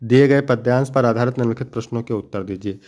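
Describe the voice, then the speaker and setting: A young male teacher patiently walks through exam questions one by one. He explains each answer step by step, slows down to stress the most important points, and speaks to his students with fond familiarity. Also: medium pitch, darkish tone. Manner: addresses students fondly. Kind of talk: exam-prep lesson.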